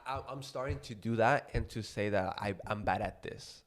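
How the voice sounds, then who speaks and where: Give me a profane, excitable young man from Mexico. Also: fairly low pitch, normal speed. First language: Spanish. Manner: profane, excitable, loud bursts when mimicking anger. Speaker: podcast guest. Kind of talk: casual chat.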